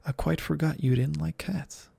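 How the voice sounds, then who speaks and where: An earnest, chatty young girl, polite and eager to please, as a man reading a storybook softly puts her on. The voice stays low-key and mellow with a gravelly texture. It is a whispered role-play, dry and close to the mic. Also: steady tone, moderate pace, dry recording, exaggerated voice. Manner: earnest, eager, soft-spoken.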